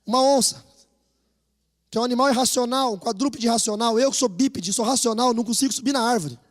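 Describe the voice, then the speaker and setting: High-voiced Brazilian pastor in a reverberant hall. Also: male voice, quick pace. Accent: Brazilian Portuguese. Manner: animated storytelling, rousing the congregation to repeat after him. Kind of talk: sermon. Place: church hall. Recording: long reverb of a church hall.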